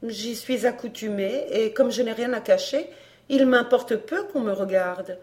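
A woman reading an audiobook, voicing a proud, guarded young woman who speaks quietly and with restraint. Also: a little high, measured pace, lightly acted. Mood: restrained.

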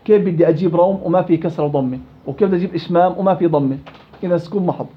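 Brief: fast-talking man, high voice, teaching a class, dull lo-fi sound. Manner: quizzing students, repeating and drilling examples. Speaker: Quran recitation teacher. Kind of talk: classroom tajweed lesson.

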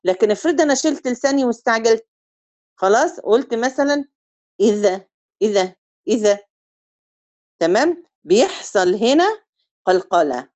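In a recitation review lesson, this Egyptian Arabic-accented teacher questions her students and stretches example words slowly to illustrate them. Her voice is a little high, a little mellow, and very animated.

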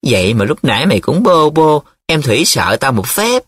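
A man's voice: medium pitch, very animated, husky, no echo, clean studio sound, pitched above the performer's own voice. A man playing Chuyên, a blunt young student. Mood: mocking. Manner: quick, probing questions.

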